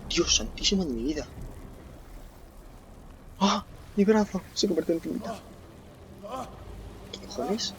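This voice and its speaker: A young man doing let's-play commentary, excitable, swearing and joking. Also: sits high, unhurried, long pauses, crowd noise, poor audio. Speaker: gaming youtuber.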